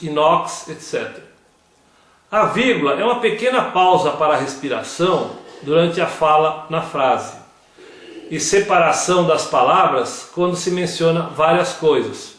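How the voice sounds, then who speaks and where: A man giving a slow scripted grammar lesson, reading word examples one at a time. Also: fairly high pitch, a bit bright. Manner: reads word lists one by one. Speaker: grammar teacher. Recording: very echoey room.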